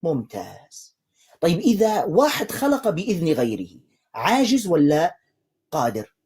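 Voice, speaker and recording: Male preacher, husky and mellow, steady and persistent with a heated caller. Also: on the high side. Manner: calm, insistent, keeps telling the caller to calm down; quotes scripture in a slow recitation. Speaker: Islamic preacher debating callers. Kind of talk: live online debate.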